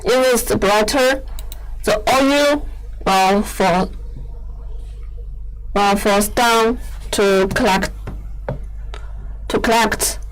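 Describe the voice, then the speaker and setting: A woman giving an explanatory product demonstration in halting, non-fluent English, often repeating words as she goes. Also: mid-range voice, clear, resonant tone, poor audio. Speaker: equipment company presenter giving a machine demo.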